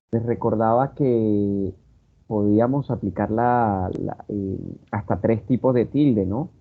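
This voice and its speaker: A man with a Colombian Spanish accent lectures an online class at a mid-range pitch. He explains step by step, filling pauses with "eh" and checking in with the students. The sound is thin and phone-like, as from a video meeting. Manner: explanatory, with many fillers and tag questions. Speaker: teacher. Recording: tinny phone-like meeting audio.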